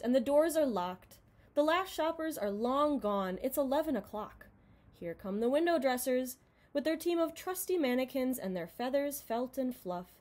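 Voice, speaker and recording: Reading a picture book aloud to children at home, a young woman uses a fairly high voice that swings widely in pitch. Her narration is very expressive and dramatized, and the recording is indoors.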